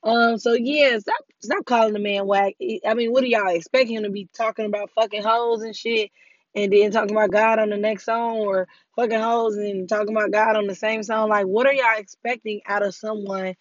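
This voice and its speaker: A woman's voice: mid-range voice, fairly even intonation, moderate pace, dry recording, muffled recording. A woman vlogger, talking casually and frankly with plenty of profanity while her voice is still recovering. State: recovering from voice loss. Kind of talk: casual opinion vlog.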